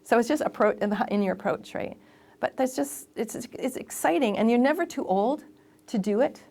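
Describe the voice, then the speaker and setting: A woman's voice: a little high, expressive, normal speed, vocal fry, darkish tone. Chatty, emphatic woman in an interview. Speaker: voice actor and casting director. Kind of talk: interview conversation.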